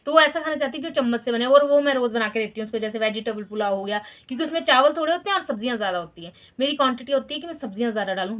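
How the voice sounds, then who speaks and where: A woman's voice: fairly high pitch, a bit bright. A woman in her thirties from India, casually chatting to her followers, confiding and laughing as she talks. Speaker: vlogger.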